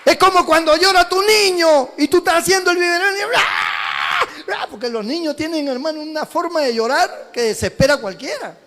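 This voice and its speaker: A pastor from Peru preaches with fervour, mixing exclamations with homely family stories. His voice sits very high for a man, and each phrase rings out in a long hall reverb. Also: brisk, hardly any pauses, noisy background. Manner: fervent preaching with homely storytelling, exclamations and asides to the congregation. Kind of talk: sermon.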